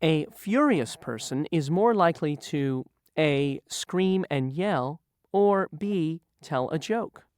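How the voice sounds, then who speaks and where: In a studio-quality recording with no echo, a quiz reviewer in a vocabulary lesson slowly asks learners scripted review questions about word meanings. Her or his medium-pitched voice is animated and a little mellow, with few pauses, and the manner is patient and teacherly.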